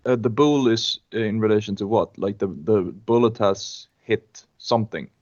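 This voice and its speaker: A man's voice: on the low side, moderate pace, darkish tone, no echo, lo-fi sound. Hesitant young man asking questions. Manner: hesitant, restarts while thinking aloud. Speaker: student.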